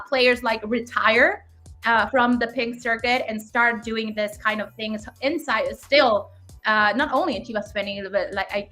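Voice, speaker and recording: A woman's voice: medium pitch, pushed and bright. A woman co-hosting a casual bilingual sports talk show, upbeat and switching between English and Spanish. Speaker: co-host.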